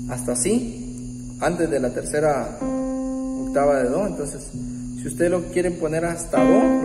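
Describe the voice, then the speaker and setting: A man hosting a keyboard tutorial, explaining step by step in a patient, halting way with many pauses and restarts. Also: fairly high pitch. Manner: warm, patient, uses religious greeting. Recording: roomy, echoey room with long reverb. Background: faint keyboard music.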